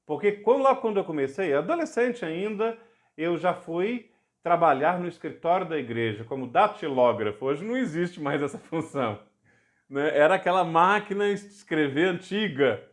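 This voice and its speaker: A middle-aged bishop with a Brazilian Portuguese accent shares his testimony as a podcast guest. His delivery is earnest and rises into fervor when he speaks of miracles. His voice sits a touch higher than most men's. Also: expressive, moderate pace. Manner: earnest, grows fervent when recounting miracles. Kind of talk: personal testimony in a church podcast.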